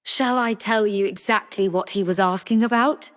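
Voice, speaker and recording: A woman voicing a sharp young female apothecary, dry and matter-of-fact. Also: medium pitch, moderate pace, in a large hall, natural voice.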